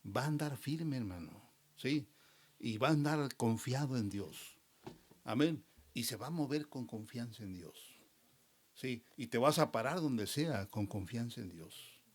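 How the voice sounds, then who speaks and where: A man's voice: medium pitch, expressive, unhurried, slightly rough. A man, a pastor, preaching a sermon and calling the congregation brothers again and again, his voice dropping at the end of phrases. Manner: repeats "hermanos" often, voice drops at phrase ends.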